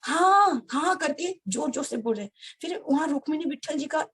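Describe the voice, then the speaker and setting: A woman telling a personal story to a devotional gathering, earnest and halting, often addressing her listeners directly. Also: high voice, expressive. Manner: many restarts and hesitations. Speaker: devotee sharing a personal experience. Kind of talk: heartfelt personal storytelling to an audience.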